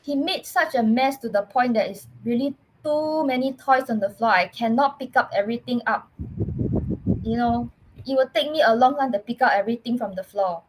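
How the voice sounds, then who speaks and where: A woman with a Singaporean English accent speaks in a fairly high voice, earnest and halting, restarting her phrases as she tells her own story. A clear hiss and clicks sit under the recording. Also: low-quality recording. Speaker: podcast guest. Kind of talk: personal storytelling in casual chat.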